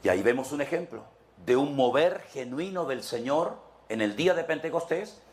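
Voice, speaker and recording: A man's voice: medium pitch, expressive, moderate pace. A man preaching a sermon to his congregation as pastor, emphatic and repetitive, speaking to them directly.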